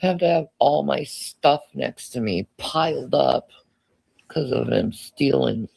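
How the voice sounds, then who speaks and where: A woman's voice: a bass voice, expressive, measured pace, gravelly, darkish tone, slight background noise. A woman livestreaming late at night, mumbling in a drowsy, half-whispered way.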